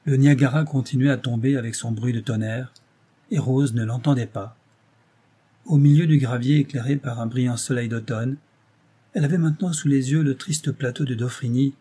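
A man with a husky, mid-range voice reads a novel as an audiobook, narrating in a measured, even storytelling manner.

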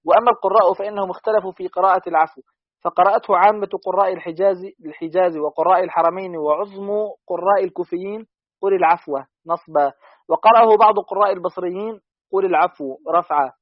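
A man with a high voice reads a classical text aloud at a fast clip, steady and even. The sound is dry and dull, like lo-fi audio. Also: no echo. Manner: quick, steady recitation. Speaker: student reader.

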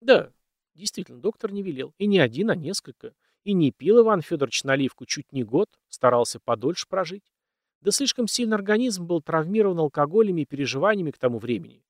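A man reads a story aloud in an expressive, folksy manner. His pitch is animated and a little high. The recording is close and dry. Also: quick pace, dry recording. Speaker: narrator. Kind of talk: scripted storytelling narration.

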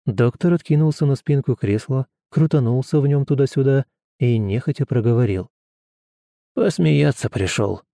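A man narrating an audiobook in a steady, even storytelling manner. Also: medium pitch, fairly quick, no echo, clean studio sound.

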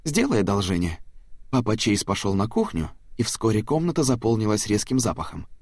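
A man reading an audiobook in a steady storytelling manner. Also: on the low side, brisk, no room sound, studio quality. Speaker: audiobook narrator. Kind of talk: scripted narration.

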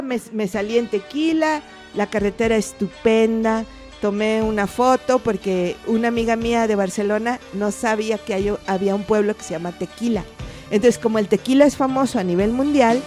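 Animated woman telling a story. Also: a little high. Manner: animated, acts out the voices of people in her story. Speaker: interview guest. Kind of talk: casual anecdote telling.

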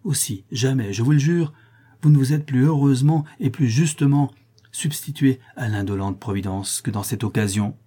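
A man's voice: medium pitch, moderate pace, warm tone, husky, pitched above the performer's own voice, lightly acted. A man reading the lines of an older male counselor in an audiobook, earnest and emphatic. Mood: fervent.

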